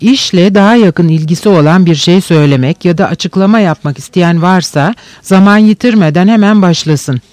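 A man's voice: sits high, moderate pace, few pauses, darkish tone, dry recording, close to an everyday voice. A man reading the lines of an earnest male host who chairs a meeting, speaking in a formal way, for an audiobook.

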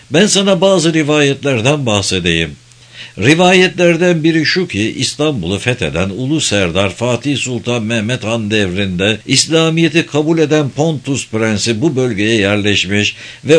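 A man's voice: mid-range voice, fairly bright tone. Man reading an audiobook. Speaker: audiobook narrator. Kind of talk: audiobook narration.

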